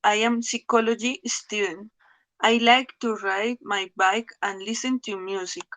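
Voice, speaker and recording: Bright-voiced young Colombian woman, slow. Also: mid-range voice, fairly even intonation. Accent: Colombian Spanish. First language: Spanish. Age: 20s. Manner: halting, simple learner English. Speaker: psychology student. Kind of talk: slow read English class presentation.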